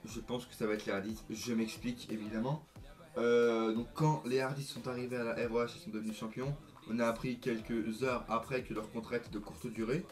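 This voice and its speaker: A man with a hoarse, nearly gone voice, chatting eagerly and hesitantly in a casual predictions vlog, with many fillers. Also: mid-range voice, little pitch movement, fairly quick. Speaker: wrestling fan vlogger.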